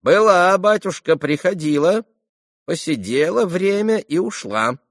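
A man's voice: high-pitched, expressive, measured pace, no echo, studio quality, voice pushed up. A man voicing an old female servant who talks in a fussy, deferential way. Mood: fussy chatter.

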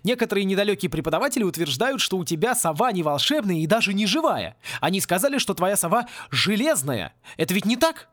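A man reading an audiobook puts on a naive old wizard professor, high-pitched and gushing. His voice jumps up and down with eager excitement, and the sound is close and dry. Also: quick pace, few pauses, no echo, heavily acted. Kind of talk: audiobook character voice.

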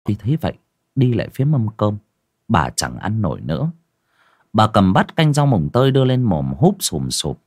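A man's voice: fairly low pitch, huge pitch swings, moderate pace, darkish tone, breathy edge, no echo, studio quality. A man reading a horror story aloud in a dramatic, suspenseful narration style. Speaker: audiobook narrator.

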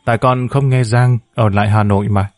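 A man's voice: lowish voice, fairly even intonation, fairly quick, a little mellow, no echo, clean studio sound, natural voice. A man voicing a sorrowful young man who speaks in a sad, choked voice in an audiobook.

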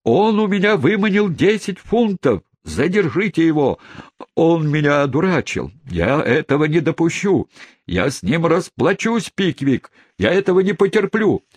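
A male narrator voicing a duped gentleman shouting in a frantic fit. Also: fairly high pitch, sing-song, normal speed, breathy edge, dry recording, voice pushed up.

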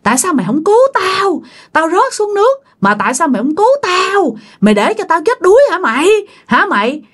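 A woman's voice: very high voice, very animated, brisk, fairly bright tone, pitched above the performer's own voice, full character voice. A woman voicing a furious drowned old ghost woman who shrieks accusations, with a Southern Vietnamese accent. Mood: furious shrieking. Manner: screeching accusations.

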